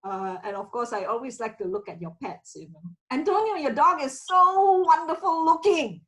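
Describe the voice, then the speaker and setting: A woman's voice: high-pitched, animated, moderate pace, fairly bright tone, poor audio. A woman from Malaysia speaking on a video call, chatty and hesitant with many fillers, laughing now and then. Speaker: community member. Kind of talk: casual group video call greeting.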